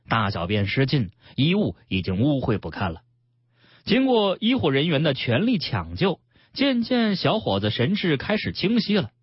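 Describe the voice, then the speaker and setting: Husky-voiced man reading a story. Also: mid-range voice, no room sound. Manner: calm, expressive storytelling. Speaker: radio health show host. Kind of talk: reading a story aloud on radio. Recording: dull radio broadcast.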